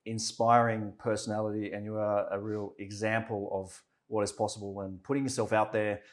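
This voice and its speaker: A man hosting an interview in a measured way, with many fillers. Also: lowish voice, flat delivery. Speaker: podcast host. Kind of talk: conversational interview.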